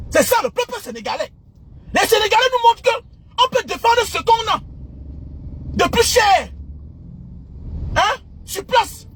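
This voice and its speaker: A man giving an impassioned monologue, fiery and preachy, often shouting slogans. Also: very high-pitched, a little hiss or hum. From Cameroon. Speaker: commentator.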